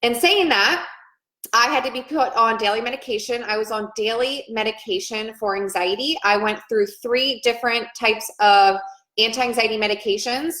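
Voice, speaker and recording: A nurse in her thirties who vlogs shares her own story in a personal testimony video, speaking earnestly and with emotion and repeating phrases as she goes. Her voice sits on the high side, a bit bright, at a normal speed. The room is echoey.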